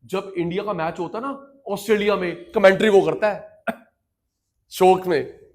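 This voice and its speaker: A man teaching a classroom lecture, his voice sitting fairly high for a man. He talks straight to his students in an animated way, drops low and quiet for stories, then rises loud for key points. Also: moderate pace. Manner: animated, addresses students directly, swings from quiet storytelling to loud emphasis.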